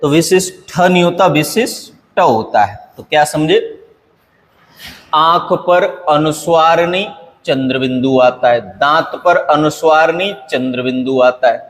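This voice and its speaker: A man's voice: on the high side, unhurried, fairly bright tone, in a large hall. A male teacher giving an exam-prep grammar lesson, drilling word pairs in a repetitive way and checking that students follow.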